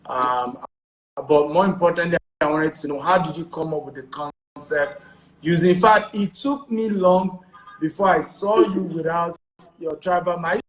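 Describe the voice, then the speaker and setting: Man, online interviewer, teasing and rambling, slightly high voice, echoey room. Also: moderate pace. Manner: chatty, teasing, rambling questions.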